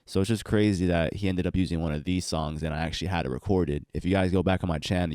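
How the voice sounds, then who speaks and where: A young man, his voice stuffy and congested from allergies, casually walks through how he made a beat in his home studio as a tutorial for his channel. His voice sits low with a darkish tone, and there's no room sound.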